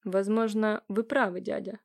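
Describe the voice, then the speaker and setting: A woman reading an audiobook, voicing a brooding young nobleman who speaks low, muffled and sullen. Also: steady tone, moderate pace, darkish tone, no room sound, clean studio sound, close to an everyday voice.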